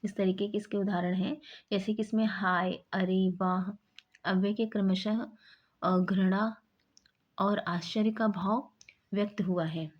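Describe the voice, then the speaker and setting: A woman teaching an exam-prep grammar lesson, explaining each term and then acting out short example sentences with stress on the key word. Her voice sits at a medium pitch. The recording sounds slightly dull and muffled. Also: fairly even intonation, unhurried.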